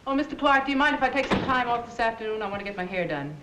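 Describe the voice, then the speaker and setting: A woman's voice: fairly high pitch, animated, rapid-fire, natural voice. A woman playing a nonchalant, underpaid secretary with dry, offhand 1940s screwball comedy banter. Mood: wry, offhand. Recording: echoey, faintly noisy old film soundtrack.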